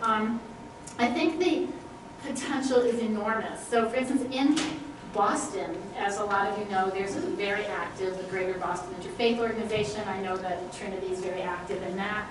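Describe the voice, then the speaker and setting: A woman's voice: mid-range voice, moderate pace, noisy background. A middle-aged woman, a youth program leader, answering audience questions in a large church hall and gesturing broadly as she talks. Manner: animated, gestures broadly while talking. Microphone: far camera, no mic. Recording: echoey hall from far off.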